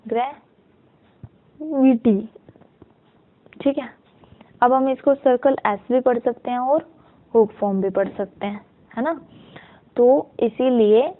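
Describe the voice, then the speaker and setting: A woman teaching a shorthand lesson, patiently sounding out words syllable by syllable, mixing in English terms and often checking in with the class. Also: on the high side. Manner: slow and patient, checks in with "ठीक है"; mixes Hindi with English terms. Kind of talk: step-by-step lesson. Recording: tinny narrow-band audio.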